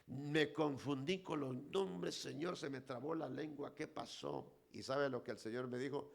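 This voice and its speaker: A man, an evangelist preacher telling a personal testimony that builds into loud, impassioned preaching. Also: mid-range voice, a little slow, vocal fry. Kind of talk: Pentecostal sermon with personal testimony.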